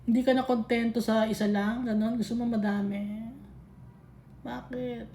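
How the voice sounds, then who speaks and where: A woman's voice: a little high, flat delivery, normal speed, warm tone, a little hiss or hum. A woman teaching a casual Bible study in mixed Tagalog and English, chatty and scolding, laughing often. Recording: echoey room.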